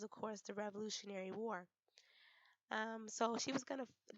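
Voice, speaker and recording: A young woman, hoarse from a cold, giving a class presentation with frequent ums and restarts. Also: on the high side, fairly bright tone, dry recording, highs cut off. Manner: halting, many ums and restarts. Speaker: student presenter.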